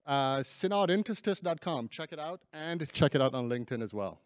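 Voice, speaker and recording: A soft-spoken man, a company founder, speaking from the audience off the mic and sounding far away. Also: fairly high pitch, expressive, fairly quick, dry recording. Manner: soft-spoken, self-deprecating. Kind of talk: audience pitch. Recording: faint, distant voice.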